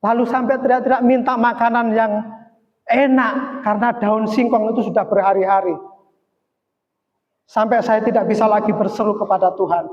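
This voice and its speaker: A woman's voice: on the high side, steady tone, normal speed. A middle-aged woman shares a personal testimony with a congregation in a sincere, heartfelt storytelling manner. Her voice carries a long reverb from a large hall, and the recording sounds dull and lo-fi. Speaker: church speaker giving testimony. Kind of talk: testimony sermon.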